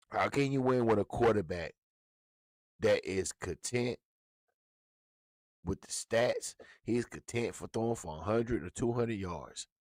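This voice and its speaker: A man's voice: fairly low pitch, dry recording. A man giving a blunt, profane, heated rant as a sports commentator. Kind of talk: ranting sports talk.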